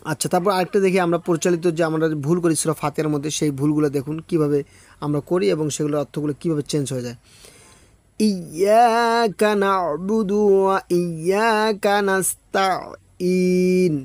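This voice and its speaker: A man teaching a Quran recitation class online. He explains step by step, often checks in with "okay?", and chants verses slowly and drawn out. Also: a little high, fairly even intonation, a little mellow, no room sound.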